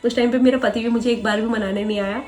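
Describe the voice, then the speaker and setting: A woman's voice: on the high side, steady tone, fast talker, darkish tone, soft background music. A young woman vlogger retelling a hard personal story in a rambling, earnest way.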